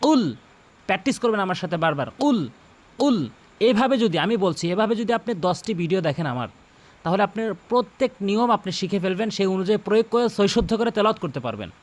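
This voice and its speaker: A man with a high voice teaches recitation as a lesson. He stretches syllables out slowly and repeats them again and again. He warns earnestly against common mistakes. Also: expressive. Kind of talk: instructional lesson with chanted examples.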